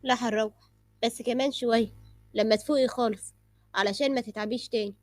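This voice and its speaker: A woman's voice: on the high side, fairly even intonation, fast, no room sound, studio quality, soft background music, close to an everyday voice. A woman voicing a worried, caring young husband with an Egyptian Arabic accent. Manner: anxious, gently protective.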